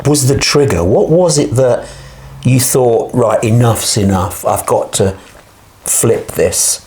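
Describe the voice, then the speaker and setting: A man's voice: medium pitch, slow, dark tone. A man hosting an interview, asking questions in a conversational way with slightly formal phrasing. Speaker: host.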